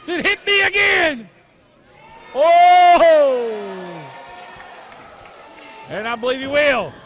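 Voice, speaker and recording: A man's voice: very high voice, sing-song, normal speed, music in the background. A man working as a wrestling commentator, calling the action in dramatic exclamations and rhetorical questions. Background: crowd at a wrestling event.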